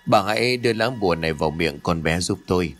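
A man voicing a stern old male exorcist master in an audio ghost story, speaking urgently and gravely. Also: sits low, animated, normal speed, faint music behind.

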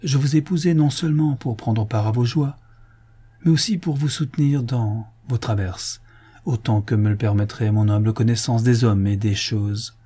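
A man reading the part of a gentle, devoted young wife, speaking tenderly. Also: mid-range voice, moderate pace, husky, close to an everyday voice.

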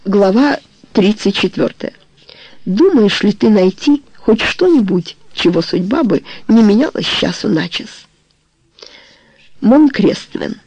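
A woman reading a romance novel aloud as an audiobook narrator, in an even, measured way. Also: medium pitch, breathy edge, no room sound.

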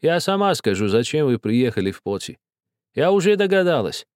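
A man's voice: medium pitch, sing-song, brisk, darkish tone, dry recording, studio quality, pitched above the performer's own voice, lightly acted. A man reading an audiobook, voicing a middle-aged wife who speaks in a conciliatory way.

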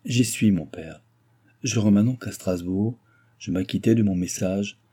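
An earnest young officer, as a male narrator plays him, recounts events respectfully. The voice stays low, dark and husky. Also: measured pace.

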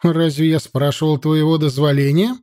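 A man's voice: fairly high pitch, fairly even intonation, normal speed, warm tone, close to an everyday voice. A man voicing a proud, hot-tempered young male prince who answers back defiantly, in an audiobook reading. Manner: defiant, indignant.

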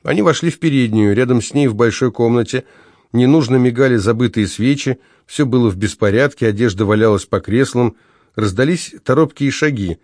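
A man narrating a classic literary story in a measured, expressive reading. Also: medium pitch, no room sound, studio quality. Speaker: audiobook narrator.

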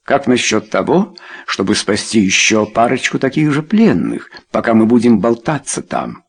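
Audiobook role: man doing a bantering young aristocrat, lively pitch. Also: moderate pace, gravelly, husky, heavily acted. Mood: teasing. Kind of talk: audiobook character voice.

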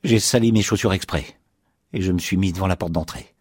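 Excitable defiant confessor, voiced by a man: low, husky, dry, bursts loud. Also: brisk, no echo. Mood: excited. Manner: excitable, sarcastic, swings to shouting. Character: agitated man confessing he killed his noisy house.

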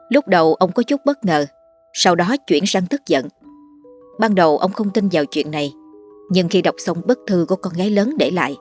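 Low-voiced woman telling ghost stories. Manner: polite, measured storytelling. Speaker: storyteller host. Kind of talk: late-night ghost story narration. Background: faint background music.

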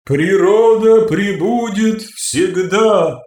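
A man voicing a serene, commanding female being made of flesh, speaking slowly and solemnly with a soft, ringing, imperious voice. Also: high-pitched, echoey room, pitched above the performer's own voice. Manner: slow solemn ritual pronouncements.

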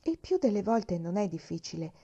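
Woman reader as a sincere, eager little girl; mellow tone, lo-fi audiobook sound. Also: medium pitch, sing-song, moderate pace, breathy edge. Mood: earnest. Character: cheerful, earnest young girl.

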